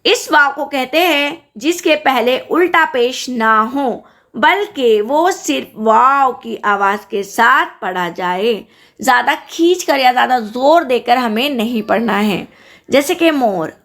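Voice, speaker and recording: Slow, careful woman teaching grammar. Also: high-pitched, fairly bright tone. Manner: slow, careful, repeats example words with stress. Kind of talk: grammar lesson.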